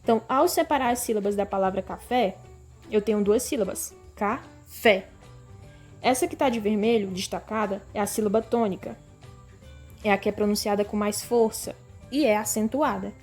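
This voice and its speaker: A woman's voice: mid-range voice, a little mellow, soft background music. Brazilian woman teaching a grade-school lesson. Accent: Brazilian Portuguese. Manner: slow, stretched-out word readings for pupils; addresses class as "pessoal".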